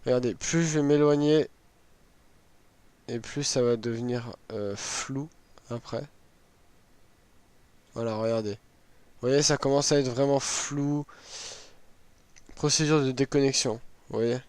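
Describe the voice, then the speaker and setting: A man hosts a gaming video in a hoarse, worn voice that sounds sick. His pitch is average, and he explains things informally, with some hesitation. The recording is dry and close. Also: a little slow, long pauses, a little mellow, dry recording. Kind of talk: casual game item walkthrough.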